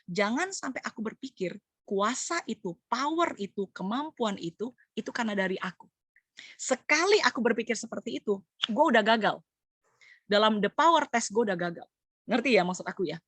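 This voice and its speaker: A middle-aged woman preaches to her church cell group in a lively, chatty way, slipping into slang and bits of English. Her voice sits fairly high, and the recording is dry and close with no room sound. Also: fairly quick, breathy edge, no room sound. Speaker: cell group leader sharing a sermon.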